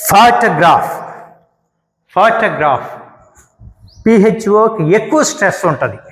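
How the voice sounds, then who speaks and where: A man teaching English word stress, explaining slowly and repeating each example word. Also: high-pitched, a bit bright. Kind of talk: spoken grammar lesson. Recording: echoey room with long reverb.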